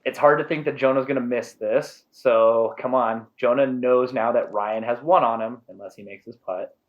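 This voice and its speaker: A man calls a disc golf round in the casual manner of a golf commentator. He is supportive of the players as he follows each shot. The recording is a little dull and lo-fi, and his pitch sits in an ordinary middle range. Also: steady tone, normal speed.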